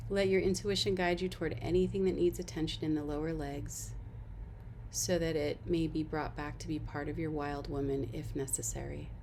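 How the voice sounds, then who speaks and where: A low-pitched, gravelly woman's voice with a steady tone leads a body-scan meditation, and a little hiss or hum can be heard. She instructs gently and without hurry, extending soft invitations.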